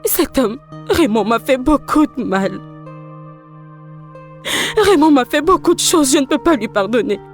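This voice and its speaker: A woman voicing an aging mother in a French film dub, talking low, heavy and slow. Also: animated, faint music behind. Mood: bitter. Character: aging mother, weary and bitter, haunted by the past.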